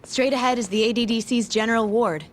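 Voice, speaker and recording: In an English game dub, an actress voices a polite, reserved young medical professional who explains things professionally. Her natural-sounding female voice is on the high side and quick-paced.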